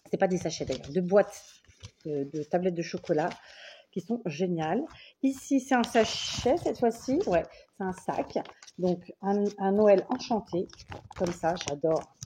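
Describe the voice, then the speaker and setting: A woman's voice: on the low side, expressive, unhurried, mellow, slight background noise. A woman from France chatting casually to camera while showing a parcel of craft paper, thinking aloud and saying again and again how much she loves each piece. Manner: enthusiastic, keeps saying she loves things; thinks aloud, restarts and trails off. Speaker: vlogger showing mail she received. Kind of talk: casual unboxing chat to camera.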